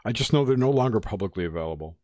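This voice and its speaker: Guy with a lowish voice chatting opinions, explaining and correcting details, really dry recording. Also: expressive, rapid-fire, dark tone, no room sound. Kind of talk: casual opinionated discussion.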